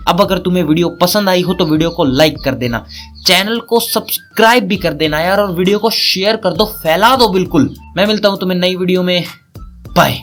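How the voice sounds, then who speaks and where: A man's voice: high-pitched, fairly bright tone. Young male comic storyteller, vulgar and sarcastic, light-voiced. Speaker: comedy storyteller. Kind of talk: crude roast storytime narration.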